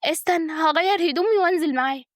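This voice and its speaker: A woman's voice: very high voice, rapid-fire, no room sound, studio quality, voice pushed up. A woman doing a coaxing, scheming Egyptian wife. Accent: Egyptian Arabic. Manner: coaxing and sweet-talking.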